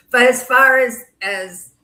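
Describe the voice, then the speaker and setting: A woman's voice: fairly high pitch, takes it slowly, bright, forceful tone. A woman on a casual panel chat who speaks emphatically, repeats points and keeps checking for agreement. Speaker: podcast co-host.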